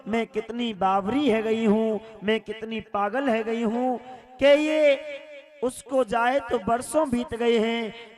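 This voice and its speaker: A man voicing the grieving elderly mother Yashoda, hushing and pleading in a raised voice. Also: sits high.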